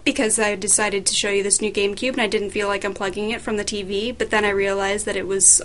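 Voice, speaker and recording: A young woman in a casual, playful video message to family, talking quickly into a video camera in a room at home. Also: medium pitch, steady tone, a bit bright, slight background noise. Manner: chatty, rushed, playful. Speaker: vlogger. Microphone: video camera mic.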